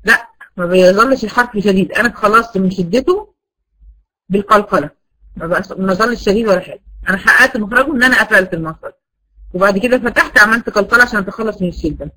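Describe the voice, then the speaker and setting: A woman's voice: medium pitch, racing, bright, forceful tone, rough recording. A woman teaching a class in an Egyptian Arabic accent, often asking rhetorical questions and then answering them herself. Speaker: Quran recitation teacher. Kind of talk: classroom lesson.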